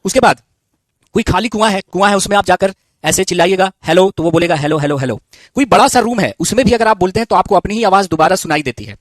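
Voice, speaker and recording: High-voiced male teacher. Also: no room sound. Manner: asks the class questions and answers them himself; repeats key terms slowly. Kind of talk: live online physics lesson.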